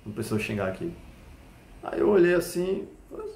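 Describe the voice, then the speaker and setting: A Brazilian man, a Krav Maga instructor, explaining a point through an animated personal story and often checking whether the listener follows. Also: fairly high pitch, fairly quick. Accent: Brazilian Portuguese. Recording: echoey room.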